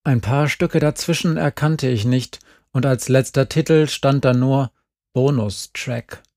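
A man narrating an audiobook in a slow, unhurried read. His delivery is calm and measured, close to a studio mic. The sound is bone dry, with no room at all. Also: medium pitch, no room sound. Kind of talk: scripted narration.

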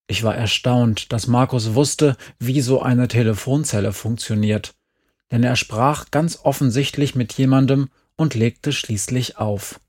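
Male narrator for a serialized story reading, dry and understated, mid-pitched. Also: unhurried, darkish tone. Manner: dry understated first-person telling.

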